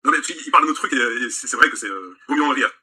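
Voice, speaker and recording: Rapid, sharp-voiced sarcastic man. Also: medium pitch, animated, slightly rough. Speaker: speaker in a played video. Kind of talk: mocking commentary, reading out texts.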